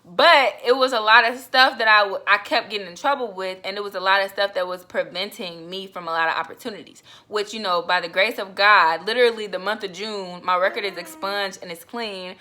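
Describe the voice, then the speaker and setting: A young woman from Florida, telling her faith story in a casual, animated vlog and talking straight to her viewers. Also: medium pitch, brisk, hardly any pauses. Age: young adult. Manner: chatty, animated storytelling addressing viewers as y'all. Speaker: vlogger.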